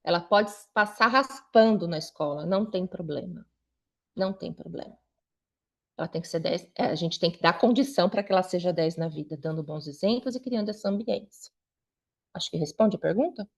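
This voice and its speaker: A woman's voice: on the low side, a little fast. Middle-aged woman speaking to parents. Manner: conversational, with frequent tag questions. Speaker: invited school supervisor and educator. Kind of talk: talk to parents at a meeting.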